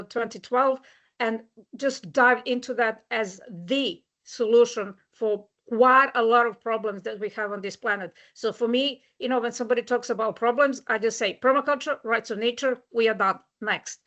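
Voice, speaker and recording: A woman's voice: a little high, fairly even intonation, normal speed, a bit bright, muffled recording. A woman from Serbia giving a webinar talk, earnest and personal, with many hesitations. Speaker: webinar speaker, rights of nature advocate. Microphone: video call.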